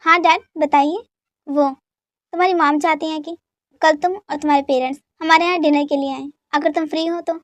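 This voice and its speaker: A woman's voice: high voice, a little fast, no echo, close to an everyday voice. A woman voicing an easygoing amused father. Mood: gentle. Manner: amused, relaxed. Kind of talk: Hindi fan dub drama.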